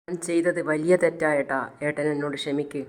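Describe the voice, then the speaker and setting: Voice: medium pitch, level tone, fairly quick, natural voice. Storyteller voicing sorry wife crying and pleading with her husband. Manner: pleading, tearful. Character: remorseful wife begging forgiveness.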